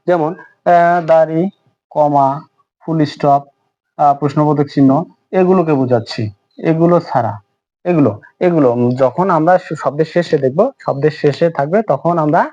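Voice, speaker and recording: A man teaching a spoken English lesson, who explains patiently, repeats himself, uses many fillers, and reads example sentences very slowly. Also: fairly high pitch, dark tone, dull audio.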